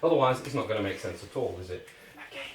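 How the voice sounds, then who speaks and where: A British children's party magician leads a craft activity, giving step-by-step instructions in encouraging, jokey patter and checking in with short questions. His medium-pitched voice is animated and rapid-fire, picked up by a distant mic in an echoey room.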